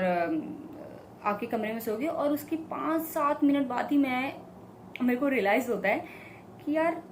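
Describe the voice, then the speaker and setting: A young woman chats straight to her viewers and tells a personal story in a lively, animated way. Her voice sits a little higher than most. There is a faint hum of room ambience behind her. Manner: chatty, animated storytelling with laughs. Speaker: vlogger. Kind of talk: casual talk to camera.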